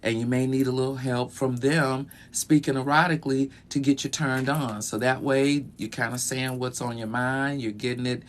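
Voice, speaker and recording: A man who works as a sexologist, speaking in a relaxed educational talk with many fillers and repeated phrases, recorded in a bedroom closet. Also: mid-range voice, moderate pace, hardly any pauses, a little hiss or hum.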